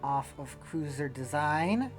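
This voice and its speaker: Low-voiced woman musing through gameplay. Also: expressive, slow pace, music in the background. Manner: musing, trailing off mid-thought while tallying numbers. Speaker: game player. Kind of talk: casual gameplay commentary, thinking aloud.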